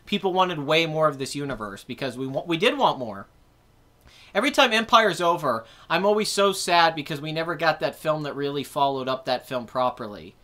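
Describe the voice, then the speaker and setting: A man's voice: on the high side, lively intonation, a little fast, bright, forceful tone. A man in his twenties hosting a casual live chat about movies, rambling and correcting himself as he answers viewer comments. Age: 20s. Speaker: host.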